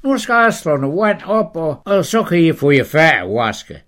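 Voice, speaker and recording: A man voicing Abraham, an eager, hospitable old man, speaking excitedly. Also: high-pitched, voice pushed up. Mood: welcoming. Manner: excited, warm welcoming.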